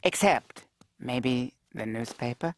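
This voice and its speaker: An actor voicing a gentle male penguin who has a cold, sneezing and fussy. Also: medium pitch, expressive, slow, slight background noise. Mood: sniffly. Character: gentle male penguin friend, sick and sniffly. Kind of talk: cartoon voice acting.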